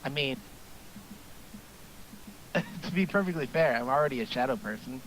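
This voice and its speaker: A man's voice: mid-range voice, expressive, moderate pace, a bit bright, a little hiss or hum, poor audio. A man co-playing on a stream, laid-back as he explains the game. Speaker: streamer's co-player.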